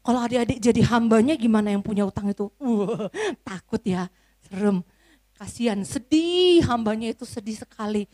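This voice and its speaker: A woman's voice: fairly high pitch, moderate pace, no room sound. A woman teaching Sunday school, telling a bible story to children and asking them questions. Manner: lively, asks the children questions.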